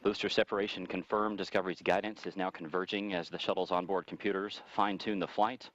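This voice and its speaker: A very low-voiced American man reports as a mission control radio commentator. He moves quickly through flight status and figures in a formal, factual manner. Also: level tone, fairly bright tone, no room sound, highs cut off.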